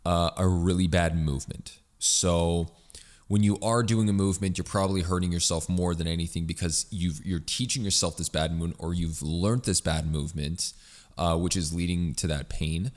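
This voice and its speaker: A man's voice: deep voice, steady tone, moderate pace, big-room sound. A man who hosts a fitness podcast and coaches runners, explaining in a casual, conversational way with frequent fillers and restarts. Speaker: running coach and podcast host.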